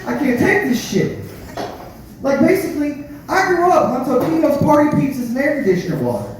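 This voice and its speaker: Male stand-up comic, very high voice, profane dark joking, chatty storytelling, heavily echoing room with audience. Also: sing-song, brisk. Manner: conversational storytelling, addresses the crowd directly. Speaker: stand-up comedian. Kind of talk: live stand-up comedy routine. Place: live comedy show with audience, echoey room. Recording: echoey room, distant mic, audience noise.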